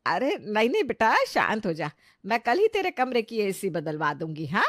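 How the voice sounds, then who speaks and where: A woman's voice: mid-range voice, huge pitch swings, normal speed, no room sound, studio quality, voice pushed up. Pushy middle-aged mother, voiced by a woman. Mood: coaxing. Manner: insistent and coaxing.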